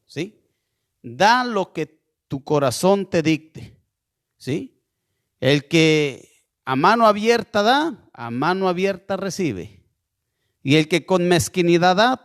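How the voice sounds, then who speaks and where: A man preaching a sermon slowly and deliberately, often checking in with listeners with a questioning "¿sí?" and asking them to send in messages. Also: sits high. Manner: slow, deliberate preaching with frequent rhetorical "¿sí?".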